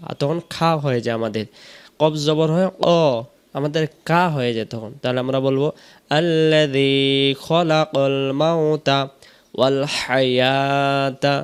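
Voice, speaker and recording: A man with a Bangladeshi Bengali accent teaching correct Quran pronunciation, who explains quickly and then recites the verses slowly and drawn out. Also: medium pitch, smooth.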